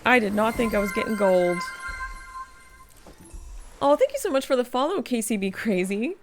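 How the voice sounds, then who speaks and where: Music plays under this game stream as a weary, slightly sniffly woman talks casually, reads out viewers' messages and laughs frequently. She speaks at a moderate pace in an animated voice that sits on the high side.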